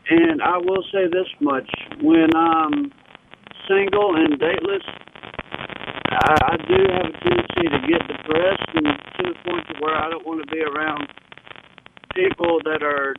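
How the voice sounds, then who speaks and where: A man calling a radio show over the phone, talking in a halting way with many fillers and restarts. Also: very high voice, animated, gravelly. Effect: phone line call-in. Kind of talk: casual call-in chat. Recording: tinny noisy phone line.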